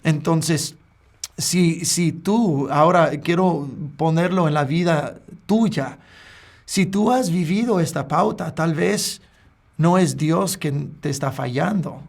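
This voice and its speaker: Slow, gravelly-voiced male preacher. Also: on the high side, darkish tone. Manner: earnest, deliberate preaching addressed straight to the listener. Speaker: pastor. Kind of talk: sermon.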